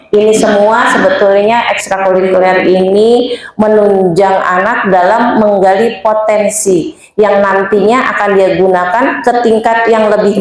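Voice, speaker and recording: A woman's voice: mid-range voice, darkish tone. A woman presenting school programs to her colleagues at a staff meeting, speaking to them directly and going through her points in order. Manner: addresses colleagues directly, lists items in order. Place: school hall or meeting room. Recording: very echoey room.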